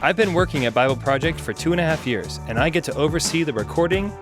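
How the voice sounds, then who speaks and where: A man's voice: on the high side, lively intonation, fast, over music. A man who works as an audio engineer, reading a short, upbeat self-introduction.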